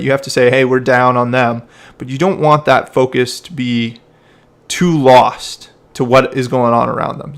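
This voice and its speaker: A man's voice: medium pitch, fairly bright tone. A man coaching a coxswain, explaining in an encouraging, conversational way with frequent restarts. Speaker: rowing coach. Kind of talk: coaching feedback.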